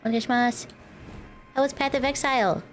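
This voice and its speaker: A woman livestreamer and VTuber host chats casually as she plays a game, with a playful, cute anime-streamer manner. Her mid-range voice is a little mellow and fairly quick, with music playing behind it.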